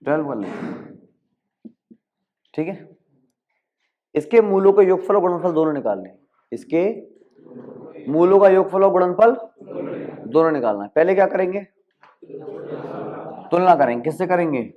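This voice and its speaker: High-voiced man tutoring maths, lo-fi. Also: very animated. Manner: coaxing, asks quick check questions and answers them himself. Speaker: maths teacher. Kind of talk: classroom-style exam tutoring. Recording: dull lo-fi recording.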